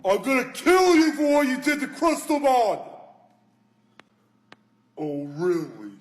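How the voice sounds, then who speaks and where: A man's voice: very high voice, sing-song, slow pace, exaggerated voice. A young man voicing dramatic cartoon fighters trading threats, echoey. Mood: threatening. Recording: echoey homemade recording.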